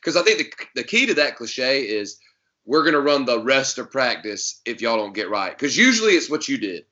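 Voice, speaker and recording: A man's voice: medium pitch, normal speed. A man, co-hosting a podcast in casual, joking chat. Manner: joking, animated, does mock accents. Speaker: podcast co-host. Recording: dull lo-fi audio.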